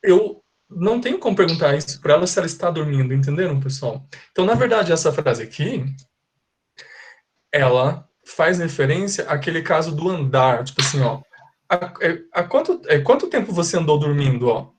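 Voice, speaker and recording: A Brazilian Portuguese-speaking man teaching an English lesson live to his class, his voice sitting slightly higher than most men's. He explains step by step, repeats his examples and keeps asking whether everyone has understood. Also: sing-song, normal speed. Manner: patient, repetitive, checks understanding often.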